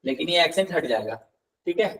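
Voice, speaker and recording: A male tutor leads a live class, repeating each word slowly and patiently firing questions at his students. His voice sits a touch high for a man and sounds slightly distant from the microphone. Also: expressive, fairly bright tone. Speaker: Spanish tutor. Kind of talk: live class teaching with explanations. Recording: voice somewhat distant from the mic.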